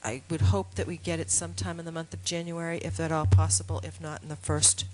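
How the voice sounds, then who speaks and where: A woman with a slightly low voice puts questions to an official at a public board meeting. She speaks deliberately and hesitantly, with fillers, into a table microphone. Her tone is procedural and probing. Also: flat delivery, a little mellow, rough recording. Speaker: town board member. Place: town meeting room.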